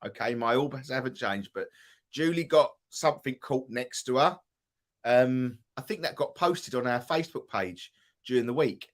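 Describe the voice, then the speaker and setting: A man's voice: medium pitch, lively intonation, normal speed. A man with an Essex accent hosting a live podcast, chatting in a rambling way with restarts. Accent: Essex English. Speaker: host.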